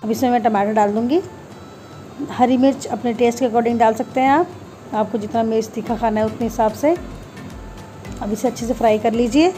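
A woman narrates a home recipe, explaining every step plainly and homely. Her voice sits a touch high yet sounds mellow and warm in tone, with faint background music. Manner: homely, talks viewers through each step. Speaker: home cooking channel host.

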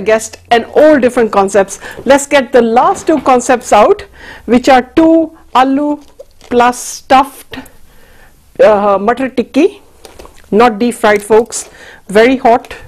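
Cooking show host: woman, middle-aged, fairly high pitch, instructional, slips into Hindi and Punjabi phrases. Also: darkish tone. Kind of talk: live cooking demonstration. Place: indoor TV studio kitchen.

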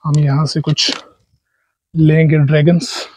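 A man's voice: fairly high pitch, level tone, slow pace, darkish tone, slightly rough. A man in his thirties, a travel vlogger, narrating outdoors on a farm into a lapel mic, with devout greetings and pious phrases. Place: outdoors on a dragon fruit farm. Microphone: lapel mic, selfie stick camera.

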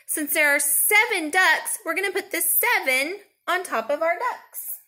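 Here a woman in her thirties, a preschool teacher, leads kids through counting, using plain sing-song speech suited to a toddler and stopping after questions to let them answer. Her voice sits very high, animated and sharp.

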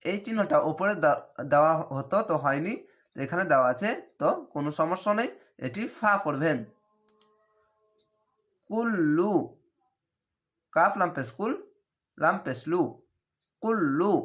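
A man gives a step-by-step Quran reading lesson in Bengali, in a somewhat high voice. He names each letter and vowel mark in turn, then recites the whole word, drawing out the long vowels. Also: expressive, fairly bright tone. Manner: spells letters and vowel marks slowly, then reads the word drawn out.

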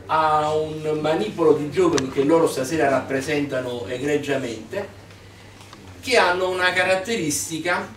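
A man's voice: a little high, a little hiss or hum. Man hosting a poetry evening, echoey. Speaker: host of a poetry workshop evening. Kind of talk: introducing readers at a live event. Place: poetry reading event. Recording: echoey room, distant mic.

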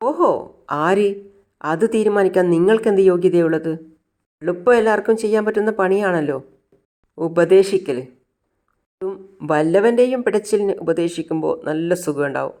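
A defiant young Malayali woman refuses an arranged match with sharp, sarcastic retorts, as a storyteller puts her on. She argues with a cutting edge. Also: medium pitch, moderate pace, pauses often, natural voice.

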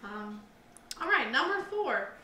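A woman's voice: a little high, very animated, takes it slowly, pushed and bright. A young woman co-hosting a casual podcast, rambling and self-deprecating with many fillers. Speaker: podcast co-host. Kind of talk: casual chat. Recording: roomy, slightly distant mic with faint hiss.

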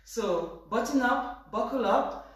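A woman's voice: on the high side, expressive, takes it slowly. A young woman hosting a casual live fitness chat in a hesitant, informal, giggly way. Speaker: live video host. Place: indoors, tiled room at home. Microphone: phone a few steps away. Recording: very echoey bare room.

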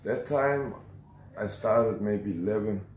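A man's voice: lowish voice, slow pace, darkish tone, roomy sound, a little hiss or hum, poor audio. A South African man in his forties, telling his life story as an interviewee in a tough, emphatic way with strong conviction, filmed at close range on a phone camera. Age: 40s. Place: outdoor shelter against a corrugated metal wall.

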